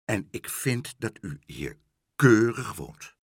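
Fussy clean-freak housewife, read by a man, prim and indignant, husky voice, storybook. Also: on the low side, big pitch swings, takes it slowly, dry recording, clean studio sound, full character voice. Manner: prim, shocked, easily indignant. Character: fussy middle-aged woman obsessed with cleanliness.

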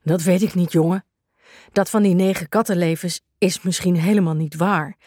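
A woman voicing a calm wise big dog. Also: lowish voice, moderate pace, no room sound, clean studio sound, close to an everyday voice. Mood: gentle. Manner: calm and comforting.

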